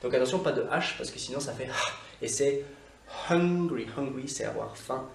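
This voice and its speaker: A man teaching English in a casual video lesson, talking in a chatty way with many fillers and slowly drawing out the English example phrases. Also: medium pitch, fairly even intonation, vocal fry, reverberant, far from the mic, noisy background.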